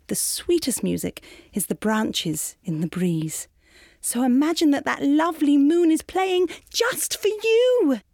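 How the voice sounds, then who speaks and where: A kindly little cricket, voiced by a woman reading a storybook, soothing and encouraging in a high, lilting voice that rises and falls widely. The sound is close and dry. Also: darkish tone, no room sound, heavily acted.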